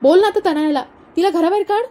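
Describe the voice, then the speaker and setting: A woman's voice: sits high, lively intonation, brisk, warm tone, breathy edge. A woman doing a mocking, needling husband. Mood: taunting. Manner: mocking, taunting. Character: sarcastic, needling middle-aged husband.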